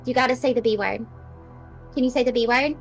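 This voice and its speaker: High-pitched woman stream co-host, excitable and profane, casual chat. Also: brisk, soft background music.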